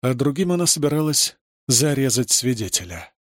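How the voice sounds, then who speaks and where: A man reading a story aloud as narrator, in a measured, dramatic way. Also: mid-range voice, very animated, dry recording, clean studio sound. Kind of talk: audiobook reading.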